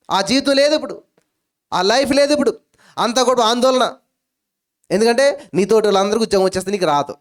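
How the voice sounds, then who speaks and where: A male pastor, preaching emphatically, with rhetorical questions and repeated calls of hallelujah. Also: high-pitched. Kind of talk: sermon. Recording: faint music behind.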